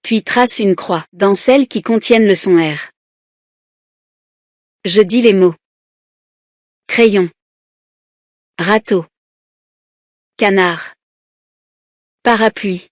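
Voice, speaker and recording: A woman teacher reading a children's lesson aloud, slowly and deliberately, splitting words into syllables. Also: mid-range voice, no room sound, clean studio sound.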